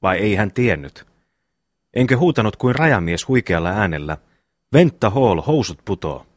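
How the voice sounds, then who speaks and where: A man reads a hot-tempered young brother who blusters and boasts in a deep, lively voice that swings up and down. It is an audiobook voice, recorded dry and close. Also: no echo. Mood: blustering.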